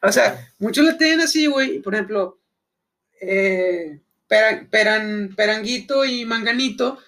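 A young man with a Mexican accent and an unusually high voice, chatting casually in a laid-back, slangy way. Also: unhurried, pushed and bright. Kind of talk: casual chat.

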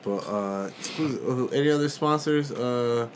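A man's voice: mid-range voice, measured pace, a little hiss or hum. A man co-hosting a podcast in casual, comedic chat, slangy, rambling and playful. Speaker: podcast co-host.

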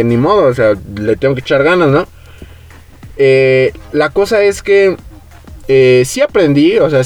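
A young man with a Mexican Spanish accent, hosting a podcast and telling a story in relaxed, slangy chat, acting out the voices of people he quotes. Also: mid-range voice. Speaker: podcast host.

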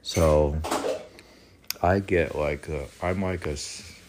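This bass-voiced New Yorker speaks slowly and a little mellowly, keeping his intonation fairly even as he reads his poetry. He rambles in between, talking back to himself and using lots of fillers, over slight background noise.

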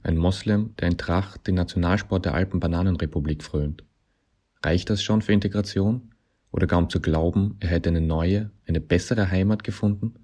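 A man reading a satirical story in a deadpan, ironic way. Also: deep voice, moderate pace. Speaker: narrator.

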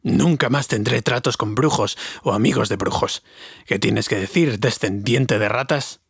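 A man voicing a proud, angry older dwarf king, speaking slowly in a low, wrathful voice. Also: vocal fry, slightly rough, no room sound, clean studio sound, full character voice. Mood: bitter.

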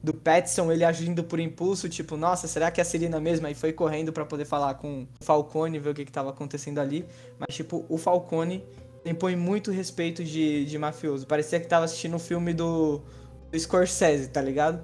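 A man's voice: fairly high pitch, level tone, fairly quick, a little mellow, faint music behind. A man with a Brazilian accent chatting casually and enthusiastically about films in a slangy way as a podcast co-host.

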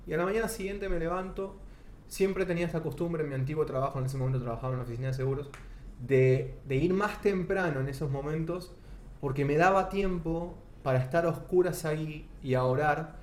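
With a slightly mellow, higher-pitched voice and fairly even intonation, a young Argentine guest speaks fairly quickly as he shares his faith testimony in a casual interview. He's earnest, often restarting while searching for words, and the echoey room has faint background noise.

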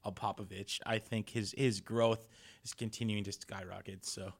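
A man's voice: lowish voice, flat delivery, normal speed, vocal fry. A man co-hosting a casual sports podcast, talking loosely with restarts and frequent laughs. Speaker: podcast co-host.

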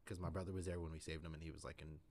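A man with a very deep, low voice tells a rambling story over a podcast chat. He keeps circling back with fillers and "like" as he goes. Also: level tone, very fast, darkish tone. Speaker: podcast co-host.

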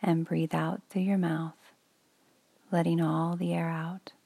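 Slow whispering woman guiding a meditation. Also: fairly low pitch, level tone, creaky, slightly rough, dry recording. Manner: soft whispery delivery, slow and soothing. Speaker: meditation guide. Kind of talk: guided meditation for children.

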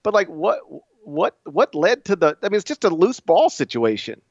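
A man in his thirties, co-hosting a casual sports podcast, talking in an animated, chatty way with frequent restarts. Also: high voice, moderate pace, dry recording, highs cut off. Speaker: podcast co-host.

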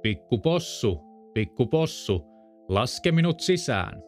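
A man's voice: mid-range voice, big pitch swings, soft background music, lightly acted. A man voicing a sly, menacing big bad wolf in a storybook reading. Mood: demanding.

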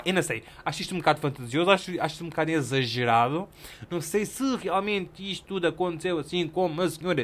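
Young male podcast host, European Portuguese accent, slangy and animated, voice sitting a touch high. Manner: animated, swearing, slangy, self-mocking. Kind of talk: casual solo storytelling.

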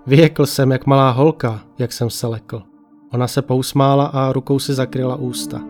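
A man narrating a ghost story in the first person, calm and measured. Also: medium pitch. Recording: faint music behind.

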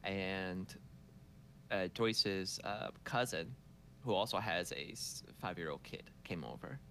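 A man's voice: sits low, lively intonation, takes it slowly, pushed and bright, slight background noise. A man recounting a family story in casual conversation, laughing often and restarting his sentences.

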